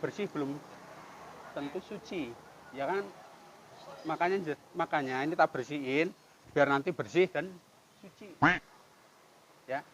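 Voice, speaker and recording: A man talks calmly and coaxingly to someone on a roadside, repeating soothing phrases. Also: fairly high pitch, a little slow, long pauses. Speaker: volunteer caring for a homeless man. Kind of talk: filmed street outreach, talking to a man on camera. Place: roadside outdoors near a market. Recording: outdoor traffic and insect noise.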